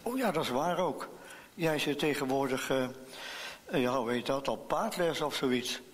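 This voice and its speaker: A man's voice: medium pitch, lively intonation, a little slow, a little hiss or hum, lightly acted. A cheerful, chatty schoolboy, as a man puts him on, cheering up his friend at an easy pace. The voice rings in a large, echoing church. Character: cheerful bouncy young schoolboy.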